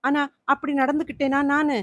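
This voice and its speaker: A woman's voice: high voice, level tone, normal speed, fairly bright tone, no room sound, clean studio sound. A woman voicing a confused, frightened housewife in a storybook reading. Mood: fearful. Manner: confused, fearful.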